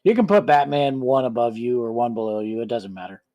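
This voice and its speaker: Mellow-voiced man running the game. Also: medium pitch, no echo. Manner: unhurried, thinking aloud with pauses. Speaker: game master. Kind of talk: running a tabletop game online.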